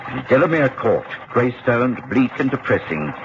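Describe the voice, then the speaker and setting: An actor playing a genial, earnest middle-aged gentleman doctor with a Received Pronunciation accent, telling his adventures in a radio drama in a measured, expressive way. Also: mid-range voice. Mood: grave storytelling. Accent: British Received Pronunciation. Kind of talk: radio drama narration and dialogue. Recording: dull, faintly noisy old radio recording.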